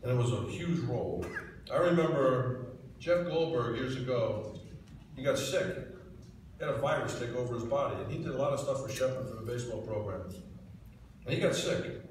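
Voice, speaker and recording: A man's voice: mid-range voice, moderate pace, darkish tone, a little hiss or hum. Middle-aged man giving a speech in an echoing hall. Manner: storytelling, folksy and sincere. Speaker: hall of fame inductee. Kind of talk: heartfelt acceptance speech. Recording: echoey banquet hall, distant mic.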